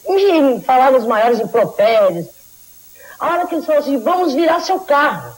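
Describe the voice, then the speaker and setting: A middle-aged woman from Argentina, speaking into a lapel mic in a TV studio, telling her story in an agitated, rushed, indignant way. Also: high voice, sing-song, darkish tone, husky, rough recording. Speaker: retired athlete giving testimony. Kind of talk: studio testimonial.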